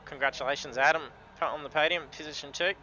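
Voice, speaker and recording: A man's voice: a little high, steady tone, fast, highs cut off, crowd noise. An Australian man working as a race commentator and interviewer on a live sim racing broadcast. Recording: clear car noise behind. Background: vehicle noise.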